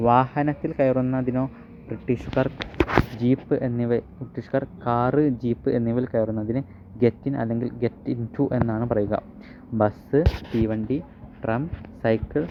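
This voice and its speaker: A man reading a children's comic aloud for a kids' channel, with chatty asides and small fillers in between. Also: medium pitch. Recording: slightly dull recording, faint noise.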